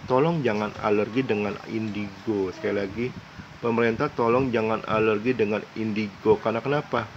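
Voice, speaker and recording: Indonesian guy in his 40s, low gravelly voice, keeps repeating himself earnestly, dull lo-fi audio. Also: steady tone, brisk. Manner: repetitive, earnest pleading. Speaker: self-styled psychic. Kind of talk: casual monologue to camera. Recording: dull lo-fi recording with faint background noise.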